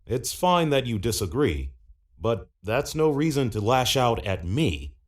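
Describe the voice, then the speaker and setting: A man playing a family member in a scripted dialogue for an English lesson, speaking clearly and deliberately. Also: medium pitch, sing-song. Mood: calm.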